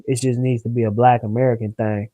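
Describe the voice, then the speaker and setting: A man's voice: mid-range voice, little pitch movement, quick pace, mellow, no echo, rough recording. Earnest young man with a dry sound. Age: young adult. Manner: earnest, preachy and rambling, heavy on slang. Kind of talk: casual discussion.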